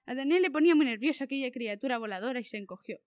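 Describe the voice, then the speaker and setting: Woman narrator, storybook reading, expressive, high voice, dry close sound. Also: racing, no room sound, muffled recording. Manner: expressive reading, voicing each animal.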